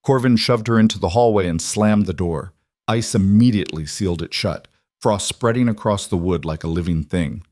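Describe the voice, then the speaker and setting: A man narrating a dark fantasy romance story in a measured, dramatic read. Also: sits low, no room sound, clean studio sound. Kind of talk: scripted audiobook narration.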